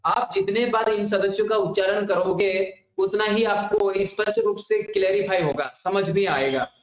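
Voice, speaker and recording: Teacher asking and answering himself. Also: male voice, high-pitched, normal speed. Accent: Hindi heartland. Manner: asks questions and answers them himself; addresses students fondly. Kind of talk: exam-prep grammar lesson. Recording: dull echoey classroom audio.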